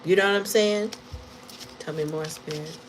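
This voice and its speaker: A woman's voice: fairly low pitch, moderate pace. Woman, tarot reader, casual slangy storytelling, frequent laughter, faint noise behind. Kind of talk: casual tarot reading chat.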